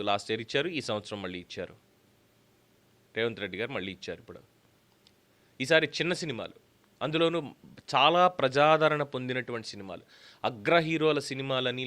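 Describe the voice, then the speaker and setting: Bright-voiced man giving emphatic commentary. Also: medium pitch. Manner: emphatic, rhetorical questions. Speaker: political commentator. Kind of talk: opinion commentary.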